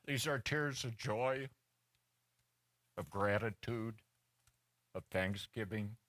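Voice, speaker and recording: A man's voice: fairly low pitch, slow, a bit bright. A middle-aged man preaching a personal, story-driven sermon as a pastor in a church, acting out the voices of people he quotes. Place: church sanctuary.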